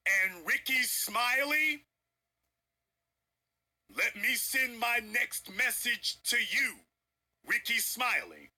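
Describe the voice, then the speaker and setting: A man with a high, piercingly bright voice and a husky rasp delivers a livestream commentary rant. He talks in an emphatic, preachy, confrontational way and hammers points home by repeating them. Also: big pitch swings, slow, pauses often. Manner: emphatic, repeats lines for effect. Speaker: online political commentator.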